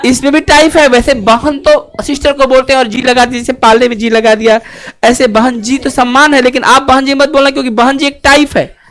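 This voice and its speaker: A man teaching a class, who keeps asking the students whether they have understood and moves between joking asides and earnest advice. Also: very high voice. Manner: keeps checking students understood with quick questions; joking and lively, then earnest and preachy. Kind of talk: classroom lecture.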